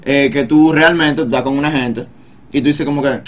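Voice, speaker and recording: A man's voice: mid-range voice, fairly even intonation, moderate pace. A man, talking bluntly in slang during a casual group discussion and often checking that he is understood.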